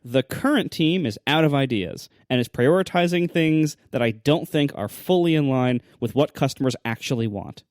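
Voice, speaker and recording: A man's voice: medium pitch, lively intonation, moderate pace, few pauses, a little mellow, no echo, studio quality. A man co-hosting a casual podcast, ranting with exasperation, full of fillers and short laughs. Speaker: podcast co-host. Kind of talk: casual tech podcast chat.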